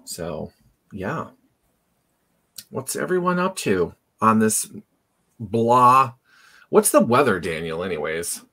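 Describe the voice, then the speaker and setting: A man's voice: on the low side, very animated, slow, long pauses, bright, forceful tone. A man hosting a live online show, chatting casually and greeting viewers by name. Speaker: podcast host. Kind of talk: casual live-stream chat.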